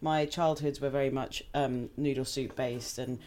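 Low-voiced chatty young woman cooking. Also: fairly even intonation, normal speed, darkish tone. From Hong Kong. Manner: chatty, laughs often. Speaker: home cook guest. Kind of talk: casual chat while cooking.

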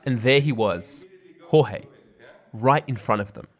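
A man hosting a podcast, narrating a story in a measured storytelling manner. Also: medium pitch. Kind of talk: scripted narration.

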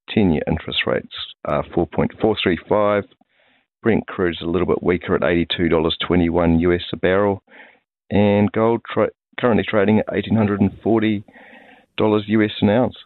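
Over a narrow, phone-like line, a low-voiced man with a New Zealand accent gives a market report. He reads stock prices and figures one after another, as an analyst would. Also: fairly even intonation, moderate pace, no echo. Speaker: financial markets analyst, guest.

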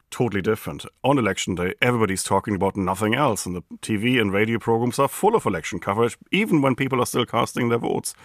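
German-accented man explaining calmly, dry studio. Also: mid-range voice, no room sound. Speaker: think tank director, guest. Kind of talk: explanatory interview.

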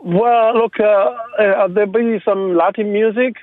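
A man from Argentina with an Argentine Spanish accent, a guest on a radio interview, speaking haltingly with many fillers and restarts. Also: high voice, fairly even intonation. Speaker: guest, local rugby supporter. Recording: phone line, dry.

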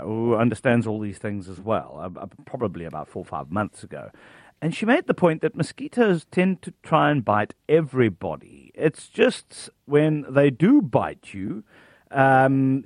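A man's voice: medium pitch, dry recording, clean studio sound. A man hosting a radio phone-in, chatting casually as he introduces and questions a guest. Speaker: radio host. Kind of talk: casual live phone-in chat.

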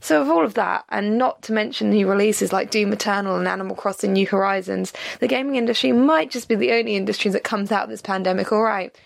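A woman in her twenties with a croaky, froggy, sore-throat voice, giving a spoken report as a games reviewer. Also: medium pitch, fast, few pauses, no echo. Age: 20s.

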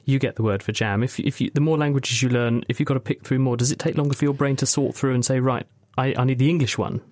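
A man hosts a science radio programme, moving quickly between guests and callers. He cracks quick jokes as he goes, in a middle-pitched voice. The studio sound is dry and close. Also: fairly even intonation, darkish tone, no room sound. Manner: jokey, brisk, quick to tease. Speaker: radio show host. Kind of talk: hosting a science phone-in.

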